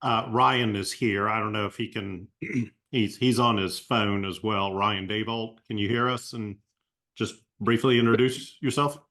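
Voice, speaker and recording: A man's voice: fairly low pitch, fairly even intonation, measured pace, a bit bright. A man organizing a meeting over a video call, brief and courteous, with a few hesitations.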